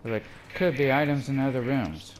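A man's voice: mid-range voice, moderate pace, slight background noise, low-quality recording. A young man chatting casually as he plays a co-op video game with a friend. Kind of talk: casual co-op gameplay chat. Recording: faint game ambience behind.

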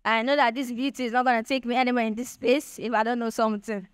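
Chatty young Nigerian woman, smooth voice. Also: fairly high pitch, steady tone, fast, dry recording. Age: young adult. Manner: chatty, keeps asking "do you understand?". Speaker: speaker at a Bitcoin event. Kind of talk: motivational talk to an audience.

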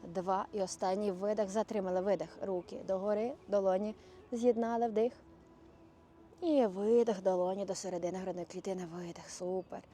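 A woman teaching a yoga class, guiding breaths and poses with calm, step-by-step cues. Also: mid-range voice, normal speed. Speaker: yoga instructor. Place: outdoors.

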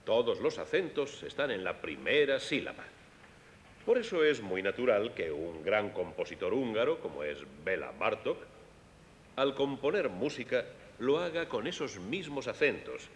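In an echoey hall with long reverb and faint rumble, a man with a Castilian Spanish accent dubs a music lecture for children. As the concert's presenter, he speaks to the young listeners directly in a teaching manner, very animated, lightly acted, and at a moderate pace.

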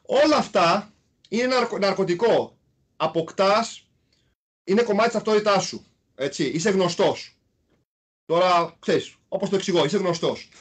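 A man from Greece talks through his past in a relaxed interview, his voice pitched noticeably high. He tells it in an animated way, leaning on small repeated fillers. He comes across as a former player recounting his own road. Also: pauses often, husky. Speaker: guest, former basketball player. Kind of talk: casual interview storytelling.

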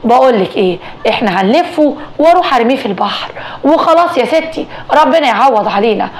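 A woman doing a calm Egyptian husband. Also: sits high, fast. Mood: steady. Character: worried husband, calm and practical. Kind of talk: storytelling dialogue.

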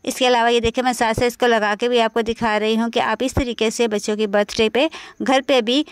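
A woman talks viewers through a home recipe in a voice-over. Her voice sits a little high and sounds smooth and clean. She explains each step patiently and repeats herself so nothing gets missed. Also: fairly even intonation, a little fast. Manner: patient, instructive, repeats steps. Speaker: cooking vlogger.

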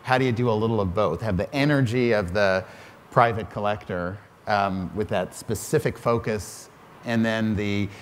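A man's voice: lowish voice, moderate pace. A middle-aged man speaking on a panel before an audience, thoughtful, often restarting his phrases. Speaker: museum director on a panel. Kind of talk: panel discussion. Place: large hall on a stage before an audience. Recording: hall reverb with faint noise.

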